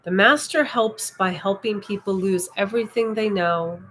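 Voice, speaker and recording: A woman gives a reflective spiritual lesson at a medium pitch, pacing her words slowly and pausing often. She talks the listener through breathing in a calm, contemplative way. A faint bed of ambient noise sits under her voice in the room. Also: low-quality recording. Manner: unhurried and contemplative, guiding breathing pauses. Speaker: meditation and Taoism teacher. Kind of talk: reflective spoken teaching. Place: indoor room.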